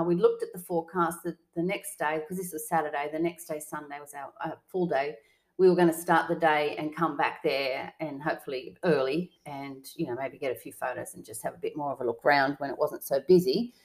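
A woman's voice: sits low, brisk, darkish tone, poor audio. A woman co-hosting a travel podcast, chatting casually with plenty of fillers and restarts. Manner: rambling, lots of fillers and restarts. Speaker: podcast co-host.

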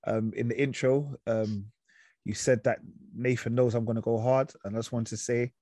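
A man's voice: mid-range voice, fairly even intonation, normal speed, warm tone, no room sound. A man with an urban London roadman accent, hosting a podcast in casual, slangy chat. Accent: London, urban street. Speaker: podcast host.

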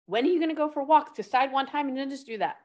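A high, fast-talking woman from California guests on a podcast as a life-hacks coach. She's chatty and loose as she hands out life tips, filling her speech with "like" and other fillers.

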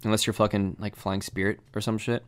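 Young guy ranting a story, lowish voice, lots of likes and swearing. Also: fairly quick, smooth. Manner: animated, lots of filler and swearing. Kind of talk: casual storytelling chat.

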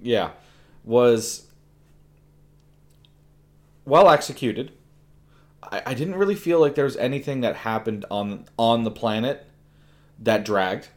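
A man's voice: medium pitch, lively intonation, slow pace, long pauses. Laid-back man chatting about films. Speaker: podcast co-host. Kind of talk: casual film review chat.

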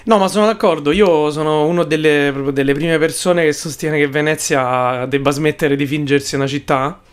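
Higher-pitched Italian man, emphatic comic banter. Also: steady tone, normal speed, clear, resonant tone, faint music behind. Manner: emphatic, gesturing broadly as he talks. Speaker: comedy podcast host.

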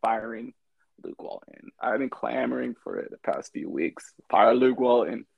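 A man's voice: mid-range voice, lively intonation, moderate pace, gravelly, husky, no room sound, dull audio. A man co-hosting a casual sports podcast, talking in a loose, rambling way. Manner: loose and rambling, frequent restarts. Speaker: podcast co-host.

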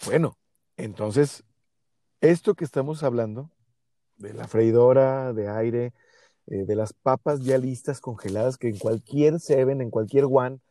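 Reflective Mexican man, mellow tone. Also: medium pitch, unhurried, no room sound. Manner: reflective, poses rhetorical questions. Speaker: podcast co-host. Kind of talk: casual podcast chat.

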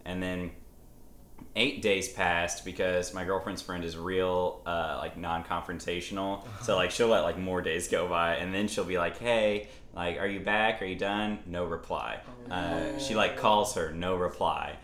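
Young male host, deep voice, loose rambling delivery, roomy sound with faint ambience. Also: steady tone, measured pace, fairly bright tone, slight background noise. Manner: laughs often, rambling with fillers. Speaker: podcast host. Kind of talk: casual chat.

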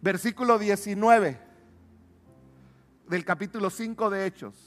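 A man preaching a sermon, swinging between loud emphatic calls and low hushed asides. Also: unhurried, faint music behind.

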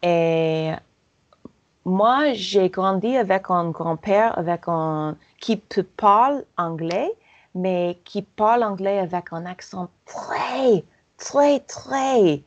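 A woman's voice: lowish voice, slow pace. A woman speaking French with an American accent as a non-native English speaker, hesitant and searching for words with many fillers. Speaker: language learner guest. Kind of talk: halting conversational French. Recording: dull lo-fi audio.

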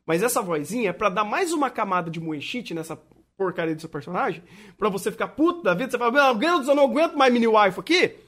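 Podcast co-host, animated, rambling, swearing, very lively pitch, medium pitch. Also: quick pace. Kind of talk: casual chat.

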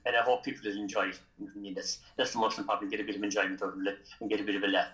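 A man's voice: on the low side, flat delivery, racing, fairly bright tone, rough recording. An older man with an Irish accent chatting casually as a guest, rambling and repeating his phrases over and over. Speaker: podcast guest. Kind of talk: casual chat.

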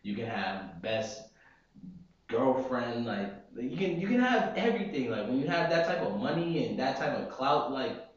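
A man's voice: medium pitch, big pitch swings, moderate pace. A young man co-hosting a casual podcast chat, laid-back and opinionated, making his points with slang. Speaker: podcast co-host. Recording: echoey, dull lo-fi room.

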